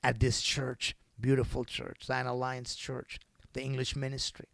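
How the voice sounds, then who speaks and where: A man preaching a sermon in a church, swinging between loud exclamations and soft whispered passages. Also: mid-range voice, monotone, a little slow, creaky, no echo. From Canada. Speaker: guest preacher.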